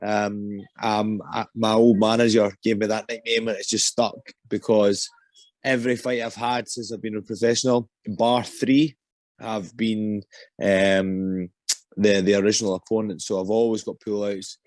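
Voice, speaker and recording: A man's voice: on the low side, flat delivery, unhurried, a little mellow, no echo. A young Scottish man, an MMA fighter, answering interview questions casually and hesitantly, with many ums and restarts. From Scotland.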